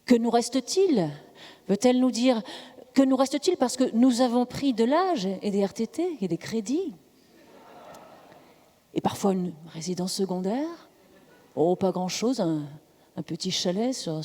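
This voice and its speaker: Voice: mid-range voice, dark tone, in a large hall. A comic performer leading a parody sermon on stage in a large temple before a live audience, preaching solemnly and building to fervent crying out. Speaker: comic officiant of a mock mass.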